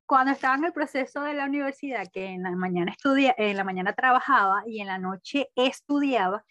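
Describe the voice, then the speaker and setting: A young woman telling a personal story in conversation, animated, laughing often and acting out her own inner voice. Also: a little high, fairly quick, no echo. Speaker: guest.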